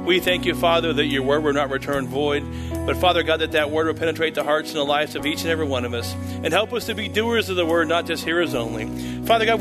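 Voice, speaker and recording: A man leading a church service as pastor, speaking at a pulpit microphone, praying fervently and preaching, and often repeating words and hesitating with ums. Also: on the high side. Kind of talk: fervent prayer and sermon.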